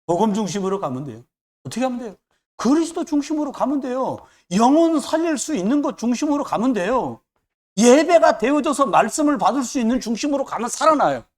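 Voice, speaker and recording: A man's voice: extremely high pitch, very animated, fairly quick. A man preaching a sermon as pastor, emphatic and repetitive, with joking asides.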